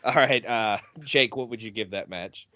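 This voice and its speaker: A man's voice: medium pitch, moderate pace, pushed and bright, no room sound, lo-fi sound. A man hosting a casual podcast chat, joking, laughing and asking the others for ratings. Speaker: podcast host. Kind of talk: casual chat over a live watch-along.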